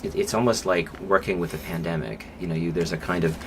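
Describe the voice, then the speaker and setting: A man speaking as a psychologist guest on a podcast interview, thoughtful and measured, with pauses and fillers. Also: low-pitched, fairly even intonation. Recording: clear background noise.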